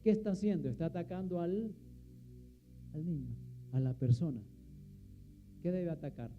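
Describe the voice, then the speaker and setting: Pastor guy preaching, throws questions at the crowd, kinda high voice, muffled lo-fi sound. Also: normal speed, soft background music. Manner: animated, asks the congregation questions and answers them. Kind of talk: sermon.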